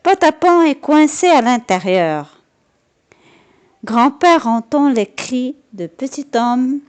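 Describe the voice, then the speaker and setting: Slow lively woman reading children's stories. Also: high voice, clean tone. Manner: slow, expressive, lilting narration. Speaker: storyteller.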